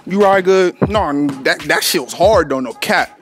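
A young American man hosts street-style prank interviews indoors at a high school, moving through rooms and hallways while joking with people in a casual, slangy way. He's expressive at a moderate pace, with loud music playing behind his voice.

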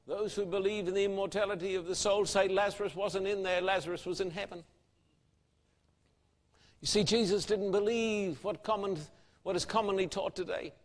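A man's voice: high-pitched, fairly even intonation, moderate pace. A man preaching a sermon, emphatic and fond of rhetorical questions. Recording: long hall reverb.

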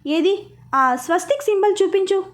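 A scheming middle-aged uncle voiced by a woman narrator sneers and taunts in this read-aloud story. The voice stays high and light, with a mocking edge on each line. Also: lively intonation, moderate pace. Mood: taunting. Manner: taunting, sarcastic. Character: scheming middle-aged man, sarcastic father-in-law.

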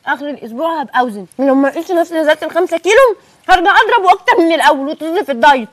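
Whiny high-voiced Egyptian woman. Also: expressive, rapid-fire. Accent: Egyptian Arabic. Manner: whiny, complaining dieter. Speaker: wife in comedy sketch.

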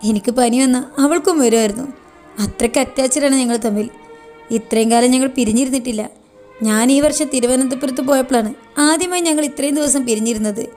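A shy, sentimental young woman speaks softly and earnestly, wistful about home, as the storyteller voices her. Her voice is high, with faint music running underneath. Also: close to an everyday voice.

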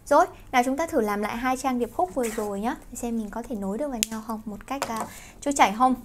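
A young Vietnamese woman teaching English through songs, explaining quickly and slowing down to sing lines. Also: on the high side. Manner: quick explanations broken by slow sung lines. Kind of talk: song-based English pronunciation lesson.

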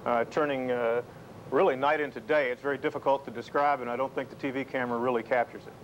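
A middle-aged man reporting live as a space correspondent, explaining things in a measured way. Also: mid-range voice, steady tone. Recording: dull, noisy VHS TV broadcast.

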